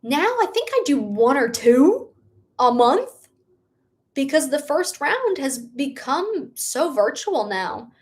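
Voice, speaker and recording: A woman's voice: high voice, big pitch swings, slow. A young adult woman hosting a casual livestream, answering viewer questions in a bubbly, chatty manner. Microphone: live stream setup.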